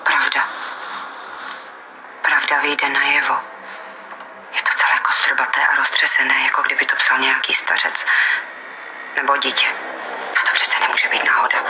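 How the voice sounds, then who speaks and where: A woman's voice: a bass voice, little pitch movement, pauses often, very noisy. A woman voicing a policewoman detective with a dry inner monologue in an audio detective game. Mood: wary. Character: wary young policewoman detective.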